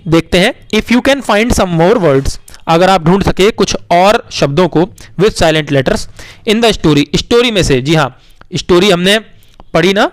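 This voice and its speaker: Male teacher walking little kids through spelling, slow and repetitive, dry close sound. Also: a little high, no room sound. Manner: spells words letter by letter and repeats them slowly; coaxing, addresses children as beta. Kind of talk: patient classroom explanation to young pupils.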